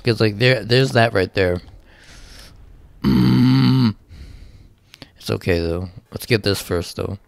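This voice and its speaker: A man with a low, gravelly voice giving casual, rambling let's play commentary. He talks to himself in an unhurried drawl and swears freely. The recording is dry and close. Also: no echo. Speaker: gaming channel host.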